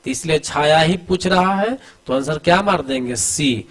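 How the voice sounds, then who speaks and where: A male coaching teacher gives an exam-prep lesson over diagrams. He asks questions, repeats the answers as a drill, and calls students "beta" while urging them to answer fast. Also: on the high side, animated, fairly bright tone, low-quality recording. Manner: addresses students familiarly, urging quick answers.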